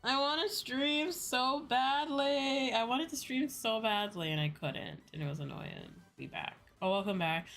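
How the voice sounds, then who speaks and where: Her voice is a little high and a bit bright, moving at a measured pace with few pauses and lively intonation, though she sounds sleepy. The school teacher and VTuber chats rambling and casually to her livestream audience, full of "like" and casual curses, over music.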